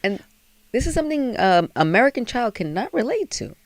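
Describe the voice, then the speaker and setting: A woman host talks fast, her pitch leaping around as she teases her guest and switches between English and Spanish. Her voice sits slightly low. The sound is close and dry. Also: no room sound. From Dominican family. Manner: animated, teasing, quick code-switching. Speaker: podcast host. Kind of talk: casual bilingual interview chat.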